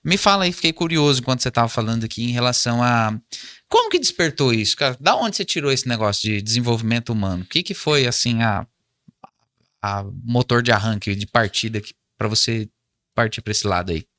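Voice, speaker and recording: A man from Brazil hosting a casual interview, asking questions in a curious, relaxed way. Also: mid-range voice, brisk, dry recording, clean studio sound. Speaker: podcast host.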